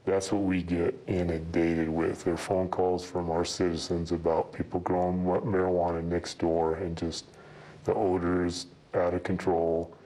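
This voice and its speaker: Male undercover officer, voice disguised and pitched very deep, dark tone, plain matter-of-fact delivery. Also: flat delivery, moderate pace, low-quality recording. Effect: voice electronically altered and lowered to hide identity. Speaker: undercover drug task force commander. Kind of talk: news interview clip.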